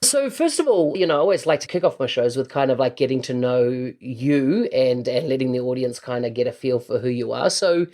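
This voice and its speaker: A man hosting an interview podcast, enthusiastic, often breaking in with "wow" and warm encouragement. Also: medium pitch, expressive, fairly quick, few pauses. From New Zealand. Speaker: podcast host.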